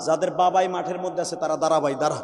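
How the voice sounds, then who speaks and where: A man preaching an emotional sermon at a large outdoor gathering, pleading, shouting and breaking into sung prayers. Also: fairly high pitch, fairly even intonation, rapid-fire, reverberant, big-room sound, crowd noise. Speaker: Islamic preacher.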